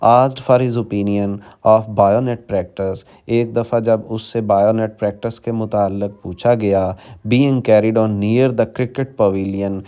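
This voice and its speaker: A man teaching English in a bilingual lecture, reading the text slowly and explaining it in Urdu to his students. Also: on the low side, fairly even intonation, warm tone, clear, resonant tone. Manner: reads English slowly word by word, then explains quickly in Urdu; addresses students directly as children.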